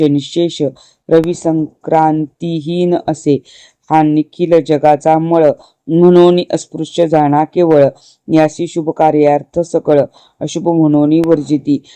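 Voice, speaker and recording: Man, devotional scripture reciter, measured chant, monotone, smooth resonant voice, dry close mic. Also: a little high, dry recording. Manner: measured, chanted verse reading.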